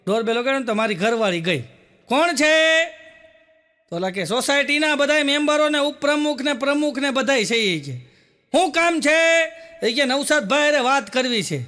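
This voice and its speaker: A male comedian tells jokes as stories. His voice sits very high and sounds bright and forceful. He keeps switching into the people he quotes and sprinkles little repeated filler words. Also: quick pace, hardly any pauses. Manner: storytelling with quoted dialogue, repeats "ke, ke". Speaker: stand-up comedian. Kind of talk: Gujarati joke telling.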